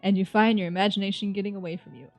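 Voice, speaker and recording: A woman's voice: medium pitch, fairly even intonation, very fast, a little mellow, soft background music. A woman reading a dating sim aloud among friends, swearing and laughing often. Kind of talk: casual gaming chat and narration.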